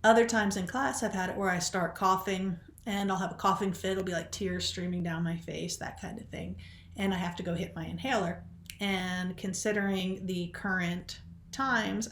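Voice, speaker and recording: A woman's voice: medium pitch, fairly bright tone, echoey room. A woman biology instructor talking casually in a recorded lecture, rambling and self-deprecating, a little short of breath.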